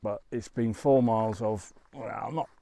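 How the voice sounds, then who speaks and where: A man's voice: fairly low pitch, steady tone, unhurried, vocal fry, warm tone. Hesitant man on a moorland hike. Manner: rambling and hesitant, many ums. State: slightly out of breath. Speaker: hiking vlogger. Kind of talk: casual vlog commentary. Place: open windy moorland outdoors.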